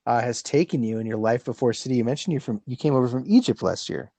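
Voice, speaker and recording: A man's voice: mid-range voice, fast talker, dark tone, no echo. A man hosting a casual soccer podcast, reading out results and introducing a guest in a loose, jokey way. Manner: loose, jokey, a bit crude. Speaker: podcast host.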